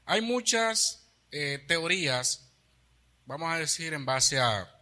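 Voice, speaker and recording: Bright-voiced pastor teaching scripture. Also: male voice, on the high side, animated, takes it slowly. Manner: explanatory, with rhetorical questions. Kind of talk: expository Bible-study sermon. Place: church.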